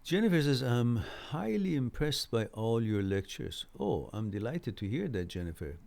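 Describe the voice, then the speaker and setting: A middle-aged man whose first language is Farsi hosts an informal live Q&A lecture about mental health, explaining haltingly with pauses. His mid-range voice has big pitch swings, vocal fry, and a darkish tone.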